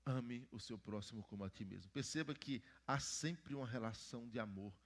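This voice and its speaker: A man's voice: mid-range voice, fairly quick. A man, the pastor, teaching a Bible lesson in church and putting questions to the children. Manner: asks the children questions and prompts answers. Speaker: pastor teaching Sunday school.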